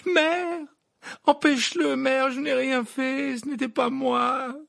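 A man doing a shrill, sobbing young prisoner. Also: animated, slow, vocal fry, sharp tone, exaggerated voice. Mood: desperate pleading. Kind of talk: audiobook character voice.

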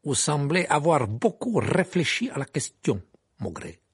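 A man's voice: animated, moderate pace, vocal fry, slightly rough, full character voice. A man voicing a haughty, irritable male headmaster in an audiobook, indignant and scornful. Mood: haughty indignation. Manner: shrill, indignant, sneering. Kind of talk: audiobook character voice.

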